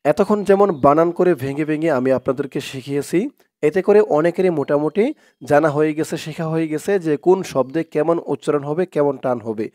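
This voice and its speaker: A man teaching Quran reading, spelling out Arabic words letter by letter and chanting them slowly for viewers to repeat. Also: on the high side, a little mellow. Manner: slow, patient drilling with drawn-out chanted recitation; addresses viewers directly as "dorshok".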